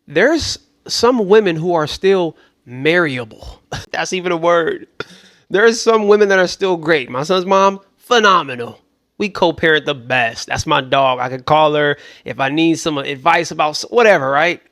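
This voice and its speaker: A man's voice: on the high side, moderate pace, fairly bright tone, dry recording, clean studio sound. A man hosting casual reaction commentary, loose and joking, sometimes dropping into mutters. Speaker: commentary host.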